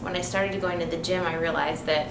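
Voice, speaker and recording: Relaxed young woman, echoey and distant. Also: fairly low pitch, fairly quick. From United States. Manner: relaxed and chatty, many ums. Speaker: interviewee, nurse and figure athlete. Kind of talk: casual self-introduction. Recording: echoey room, mic from far off, noisy.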